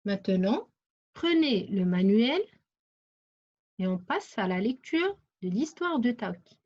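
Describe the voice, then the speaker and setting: Slow, lively-voiced woman teaching reading. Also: mid-range voice. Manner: slow, deliberate, repeating words and syllables. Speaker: primary school teacher. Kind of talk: reading lesson for young children. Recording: dull lo-fi recording.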